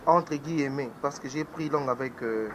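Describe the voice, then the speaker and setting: Animated man on a political talk show. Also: mid-range voice, normal speed, background noise. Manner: animated, mixes French and Lingala. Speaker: guest commentator.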